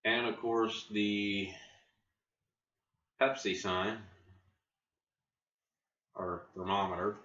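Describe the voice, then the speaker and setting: An American man chatting casually and in a rambling, unhurried way as he hosts a vlog from his garage on a laptop microphone. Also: on the low side, fairly even intonation, a bit bright. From Ohio, United States. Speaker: video blogger, channel host. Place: home garage. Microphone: built-in laptop camera microphone. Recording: roomy, distant, muffled laptop mic with faint noise.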